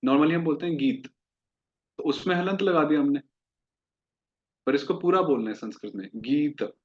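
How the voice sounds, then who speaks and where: A man teaching Sanskrit pronunciation in a classroom lesson, drawing out each word slowly and asking his listeners questions as he explains. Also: fairly high pitch, animated. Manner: slow, drawn-out demonstration of each word. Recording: dull lo-fi recording.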